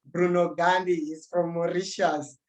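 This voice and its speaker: Brief: male podcast host, high-pitched, enthusiastic, casual. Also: flat delivery, unhurried, darkish tone, rough recording.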